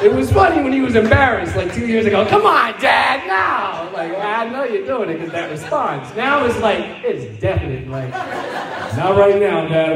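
Profane stand-up comedian in a roomy hall. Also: male voice, high voice, very noisy. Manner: loose, profane storytelling with frequent laughs. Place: live comedy venue with audience. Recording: distant room recording with loud crowd. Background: audience laughter and applause.

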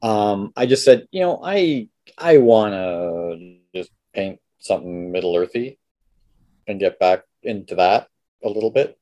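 A man's voice: lowish voice, lively intonation, unhurried, mellow. A middle-aged or older man with a Canadian accent, chatting casually as a podcast co-host in a folksy, joking way. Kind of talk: casual chat between friends.

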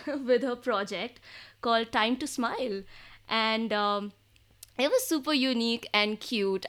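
A woman co-hosting an interview podcast in a bubbly, chatty way, laughing often and filling pauses with ums. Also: a little high, fairly bright tone, clean tone. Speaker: podcast co-host. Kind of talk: casual interview chat.

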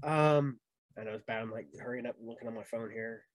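A man's voice: medium pitch, quick pace, no echo. A man hosting a podcast, telling long rambling stories in casual chat, full of fillers and laughs. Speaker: podcast host.

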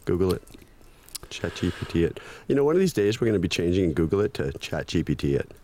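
A man co-hosting a casual podcast, throwing in quick wisecracks. His voice is very deep and swings widely in pitch. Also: very animated, warm tone, slight background noise. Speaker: podcast co-host.

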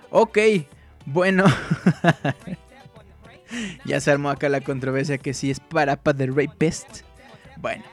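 High-voiced man hosting a music show. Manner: jokey, slangy, laughs often. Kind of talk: casual radio show chat.

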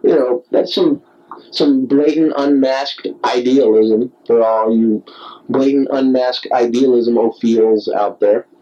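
Young man, rambling wry diarist, dictaphone tape sound, mellow, dull lo-fi. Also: mid-range voice, steady tone, a little slow. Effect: dictaphone tape recording. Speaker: audio diarist. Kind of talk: late-night rambling monologue. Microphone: handheld tape recorder.

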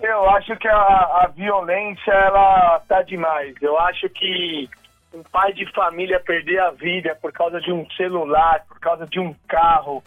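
A man's voice: sits high, fairly even intonation, a little slow, faint music behind. Give me an earnest man calling in over a tinny phone line. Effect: heard over a phone line. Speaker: radio listener calling in. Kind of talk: casual call-in chat. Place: in a car in traffic.

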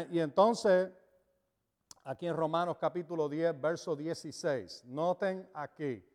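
A man's voice: on the high side, unhurried, a little mellow. A man preaching a sermon to a congregation, emphatic, drawing out key words and checking that his listeners are following. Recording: long reverb of a large hall.

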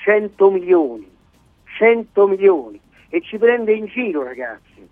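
A man's voice: high-pitched, big pitch swings, measured pace, no room sound. A man calling in to a radio show over the phone, venting in exasperation. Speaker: caller. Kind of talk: sports call-in rant. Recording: dry tinny phone line with faint music.

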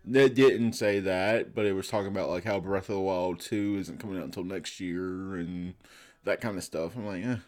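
Male host, lowish voice, informal gaming talk, leans heavily on "like" as a filler. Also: normal speed, a little mellow. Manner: says "like" and "I'm like" very often. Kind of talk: casual chat about gaming news.

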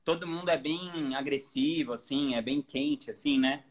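A man, hosting an interview podcast in a calm, soft-spoken and reserved way. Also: fairly high pitch, moderate pace, slight background noise. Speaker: podcast host. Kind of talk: casual interview conversation.

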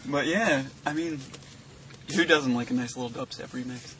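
A man's voice: medium pitch, normal speed, a crowd in the background, low-quality recording. A young man co-hosting a crude podcast among friends, telling rambling stories with frequent laughter. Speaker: podcast co-host.

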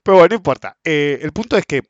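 A man's voice: on the high side, animated, fast, no room sound. A middle-aged man with a Rioplatense Spanish accent explains bond trading in casual, colloquial talk and acts out quoted dialogue. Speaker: bond trader sharing experience. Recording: dull dry close recording.

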